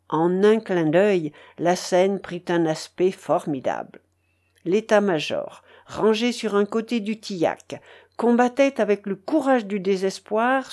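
A woman reading a story aloud as an audiobook narrator, in a measured, dramatic way. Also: medium pitch, darkish tone.

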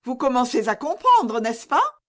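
An imperious young princess from a storybook reading, haughty and quick to exasperation, her voice pitched high and swinging widely, as a woman reader puts her on. She presses and taunts with sharp irony. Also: sing-song. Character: imperious impatient young princess, royal lady. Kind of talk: audiobook character reading.

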